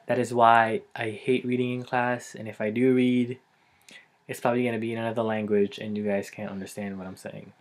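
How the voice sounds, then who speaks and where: A man's voice: lowish voice, level tone, a little fast. A young man with a Filipino accent talking casually in a comedic vlog, rambling with many fillers. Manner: chatty, rambling, lots of likes and ums. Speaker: vlogger.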